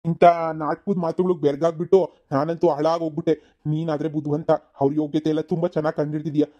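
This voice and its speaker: A man voicing an enraged middle-aged village father in a cartoon comedy, shouting threats and later pleading for forgiveness. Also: fairly high pitch, level tone, quick pace, highs cut off, close to an everyday voice. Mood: furious.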